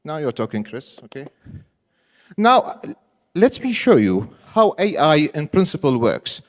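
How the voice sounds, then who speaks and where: A man giving a live conference talk in halting, informal short phrases. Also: a little high, very animated. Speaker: conference speaker, assistant professor. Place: large conference hall with audience. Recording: reverberant large hall sound system.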